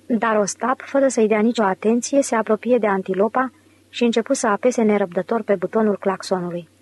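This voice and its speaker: A woman narrating an audiobook in a measured, clear reading voice. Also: mid-range voice, darkish tone. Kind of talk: scripted narration.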